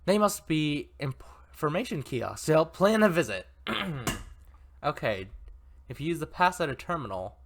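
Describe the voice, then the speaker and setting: A man's voice: on the high side, big pitch swings, a little slow, slight background noise. A man reading an interactive novel aloud, chatting and correcting himself with amused asides. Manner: chatty, self-correcting, laughs at own mistakes. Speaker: story reader and commentator.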